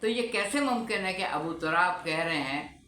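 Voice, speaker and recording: A man giving a religious lecture in a measured, explanatory way, pausing on key terms. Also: sits high, lively intonation, sharp tone. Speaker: religious speaker. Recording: echoey room with faint ambience.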